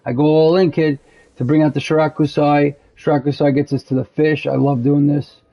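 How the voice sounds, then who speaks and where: A man's voice: on the high side, flat delivery, a little fast, gravelly, lo-fi sound. A man hosting a card game channel, talking casually through gameplay in a rambling way full of fillers, tired and losing his voice.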